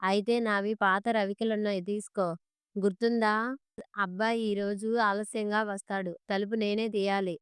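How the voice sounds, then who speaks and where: A woman's voice: medium pitch, flat delivery, moderate pace, clean tone, dry recording, clean studio sound, natural voice. A woman voicing a domineering, suspicious older mother-in-law who talks harshly and scolds. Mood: scolding.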